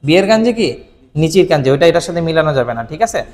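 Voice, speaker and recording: A Bengali-speaking man races through a relaxed, explanatory Japanese lesson, his somewhat high voice followed by a long trailing reverb. He quizzes the viewer and then answers himself, often pausing to ask "thik ache?"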